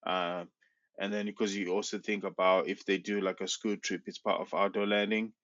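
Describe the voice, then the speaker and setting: Deep, flat-voiced young man, hesitant. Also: moderate pace, no echo. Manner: hesitant, restarts often, explains step by step. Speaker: PhD researcher guest. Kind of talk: podcast interview. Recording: dull, dry sound.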